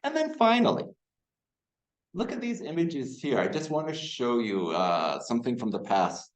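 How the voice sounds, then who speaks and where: Male lecturer from Iraq, lively rhetorical delivery, roomy hall sound. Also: medium pitch, moderate pace. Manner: animated, rhetorical questions to audience. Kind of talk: university lecture.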